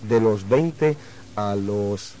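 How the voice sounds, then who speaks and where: A man from Uruguay, a guest musician answering interview questions in a reflective, measured way. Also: lowish voice, mellow, a little hiss or hum, low-quality recording.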